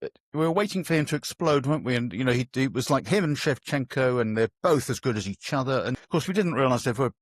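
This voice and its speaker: A man's voice: mid-range voice, animated, fast, no echo, clean studio sound. A man hosting a casual football podcast, self-deprecating and steering the talk between guests. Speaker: podcast host.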